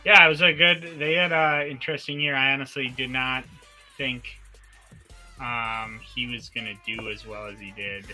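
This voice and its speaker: A man's voice: medium pitch, steady tone, normal speed, pushed and bright, faint music behind. A man co-hosting a casual chat whose voice comes through with a tinny, metallic sound from the wrong microphone.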